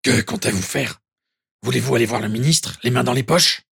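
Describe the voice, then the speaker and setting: A man reading a story aloud, voicing a gruff old male auror who questions people in an abrupt, sarcastic way. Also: mid-range voice, a little fast, fairly bright tone, dry recording, studio quality, exaggerated voice. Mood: blunt. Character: gruff battle-scarred old male auror, blunt leader. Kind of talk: audiobook character reading.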